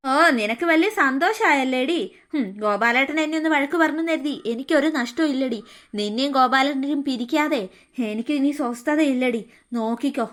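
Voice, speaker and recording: A woman's voice: high-pitched, fairly quick, fairly bright tone. A woman voicing a scheming young woman in a cartoon, sugary and spiteful.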